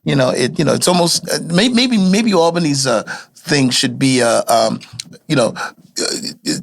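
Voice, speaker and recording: A man co-hosting a podcast, speaking earnestly in a halting way, often repeating words. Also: on the high side, lively intonation, vocal fry. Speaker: podcast co-host. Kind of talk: casual podcast chat.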